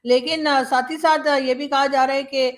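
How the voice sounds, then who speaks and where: A woman talks through current politics in a casual, chatty way, tossing in rhetorical asides. Her voice sits a little high for a woman. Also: steady tone, moderate pace. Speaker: commentator.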